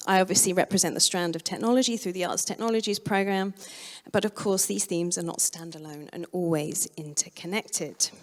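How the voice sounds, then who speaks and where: Hoarse woman giving a keynote. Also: on the low side. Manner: measured, self-correcting presentation. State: losing her voice. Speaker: keynote speaker. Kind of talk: conference keynote talk. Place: museum auditorium. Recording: long reverb of a lecture hall.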